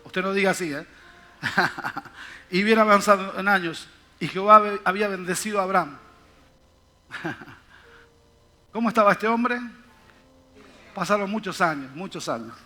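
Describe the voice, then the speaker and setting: Older guy preaching a sermon in church, bright ringing voice, repeats himself for emphasis. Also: high-pitched, a little slow, pauses often. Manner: emphatic, repetitive preaching, addressing the congregation. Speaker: pastor. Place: church service.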